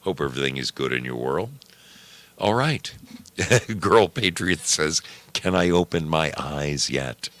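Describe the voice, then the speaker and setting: Calling listeners friends and dear brothers, this man hosts a radio show in a folksy, theatrical style during a casual live chat. His very deep voice is expressive and a bit bright. He takes an unhurried pace.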